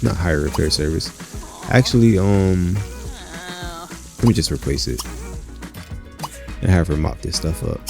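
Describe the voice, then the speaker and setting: A man's voice: deep voice, animated, measured pace, vocal fry, pauses often, music in the background. A man giving casual, rambling gameplay commentary, talking to his viewers as "you guys" and filling his talk with "you know" and "um". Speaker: gaming channel host.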